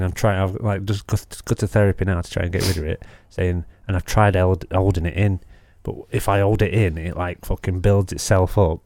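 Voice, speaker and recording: A young man with a gravelly voice, chatting and telling anecdotes as a sweary podcast host. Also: low-pitched, a little mellow, no echo, clean studio sound. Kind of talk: casual banter and anecdotes.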